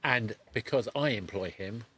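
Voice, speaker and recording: A middle-aged man hosts a podcast interview, talking in a halting, rambling way and frequently stopping to correct himself. His voice is on the low side and a bit bright, with slight background noise.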